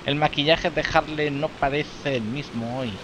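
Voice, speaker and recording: A man's voice: fairly high pitch, steady tone, measured pace, background noise, lightly acted. A man reading aloud the lines of a small, curious alien creature that speaks of itself in the third person. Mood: puzzled. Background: game music.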